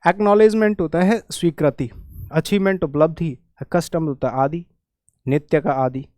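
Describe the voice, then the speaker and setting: A man teaching an exam spelling lesson, spelling out words letter by letter and repeating them slowly. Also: on the high side, darkish tone, no room sound, clean studio sound. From India. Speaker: English teacher.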